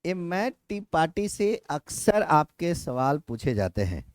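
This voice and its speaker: Slow, patient male tutor. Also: a little high, sing-song, no echo. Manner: explains slowly, repeats words, asks if clear. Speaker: teacher. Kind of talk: exam-prep lesson.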